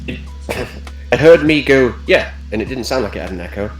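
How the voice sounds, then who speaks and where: A man's voice: medium pitch, a little fast. A man co-hosting a livestream in casual chat. He talks in a chatty, joking way, and his mic has a hollow, cave-like echo. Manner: chatty, joking, lively storyteller. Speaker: livestream co-host. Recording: echoey mic, faint music behind.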